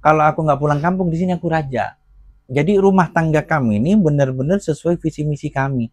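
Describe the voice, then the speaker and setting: A middle-aged man, a preacher being interviewed, telling his life story in casual, reflective speech that often drops quieter. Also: on the high side, fast talker, no room sound. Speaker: guest, convert preacher.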